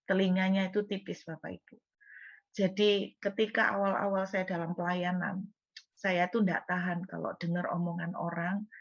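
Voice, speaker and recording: A woman's voice: lowish voice, highs cut off. A middle-aged woman with an East Javanese accent preaching a sermon, telling stories about her own ministry and mixing in Javanese phrases.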